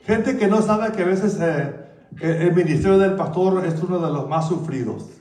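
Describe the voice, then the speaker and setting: High-voiced preaching man in an echoey church. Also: normal speed, darkish tone. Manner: conversational preaching, repeats "¿verdad?" and "con el Señor". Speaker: pastor. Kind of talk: sermon. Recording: echoey church hall, mic at a distance.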